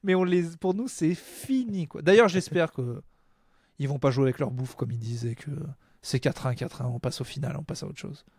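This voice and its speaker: A man co-hosting a casual basketball podcast, animated and joking, laughing often. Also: a little high, normal speed, slightly rough, no echo, clean studio sound. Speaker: podcast co-host. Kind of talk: casual chat about basketball.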